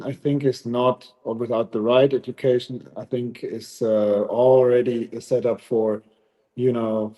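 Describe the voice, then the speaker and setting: This German-accented man from Germany, owner of a dog training facility, talks in a relaxed interview, weighing his words with frequent pauses. His pitch is medium, and the audio sounds dull.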